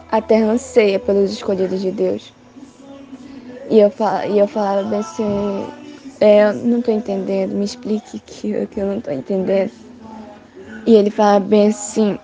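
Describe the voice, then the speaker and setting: A woman's voice: mid-range voice, warm tone. Young woman telling a church vision. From Brazil. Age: young adult. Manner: halting, repetitive, many restarts and fillers. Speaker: church member giving testimony. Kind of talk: spoken testimony of a vision.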